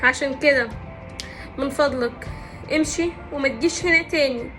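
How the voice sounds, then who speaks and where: A woman's voice: sits high, moderate pace, music in the background, natural voice. A woman playing a naive, lovestruck young woman with an Egyptian accent, who talks dramatically. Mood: dramatic. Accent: Egyptian Arabic.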